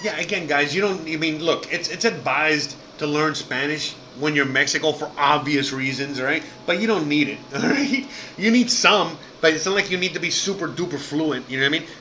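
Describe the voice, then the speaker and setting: A man's voice: fairly high pitch, brisk, few pauses, bright, forceful tone, a little hiss or hum. A Cuban-American man from Miami with a Miami Cuban accent, rambling through a casual, profane livestream chat as host while sick with food poisoning. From Miami, USA. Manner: rambling, profane, lots of "you know what I mean".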